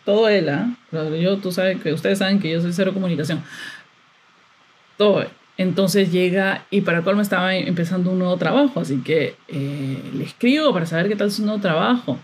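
A woman's voice: on the low side, fairly quick, darkish tone, a little hiss or hum. A young woman, hosting a podcast as a casual, exasperated monologue with frequent laughter. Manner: chatty, exasperated, laughs often. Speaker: podcast host.

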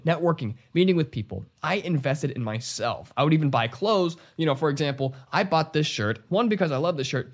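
A young man with a stuffy, congested nose talks straight to viewers as an online host, giving casual, emphatic advice. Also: on the high side. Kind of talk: direct-to-camera advice talk.

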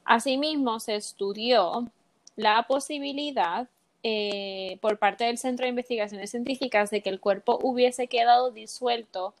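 A woman's voice: fairly high pitch, a little slow. A young woman casually telling a true-crime case in a chat podcast, slipping English words into her Spanish.

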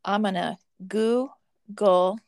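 A woman's voice: medium pitch, extremely slow, a little mellow, dry recording. Give me an easygoing, matter-of-fact woman in casual podcast chat, recorded dry and close. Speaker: podcast co-host.

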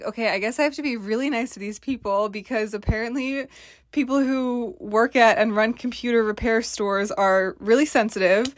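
A woman hosting a podcast, telling a blunt, profane, rambling story in a casual rant, recorded on her phone in a small closet, giving low-quality audio. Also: fairly bright tone, no room sound, clean studio sound. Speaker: podcast host. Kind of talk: casual ranting monologue.

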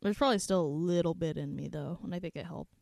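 A woman's voice: on the low side, fast, creaky, darkish tone, no room sound, clean studio sound. A woman co-hosting a casual podcast chat, giggly and full of crude jokes. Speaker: podcast co-host.

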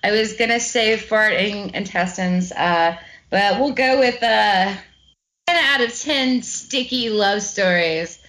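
A woman hosts a casual film discussion podcast in a chatty, relaxed way. She swears freely and laughs easily as she talks. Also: mid-range voice, takes it slowly. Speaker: podcast host.

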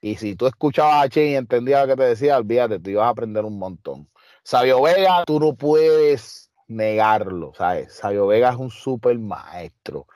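The wrestler guest, who also trains, has a medium-pitched, slightly mellow voice with lively intonation at normal speed. The studio-quality recording has no room sound, and his Puerto Rican Spanish accent carries emphatic, streetwise, filler-heavy casual interview stories.

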